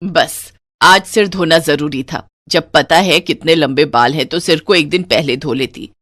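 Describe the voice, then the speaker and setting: A woman's voice: deep voice, moderate pace, fairly bright tone, no room sound, studio quality. A woman voicing a strict, old-fashioned older mother-in-law in a cartoon story, scolding and commanding her daughters-in-law. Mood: stern.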